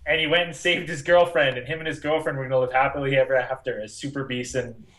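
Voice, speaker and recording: A man co-hosting a casual podcast, talking in an animated way, swearing freely, and jumping into high put-on voices to act out scenes. His voice sits at a middle pitch. The sound is roomy, with a clear echo. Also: quick pace. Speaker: podcast co-host. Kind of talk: casual chat.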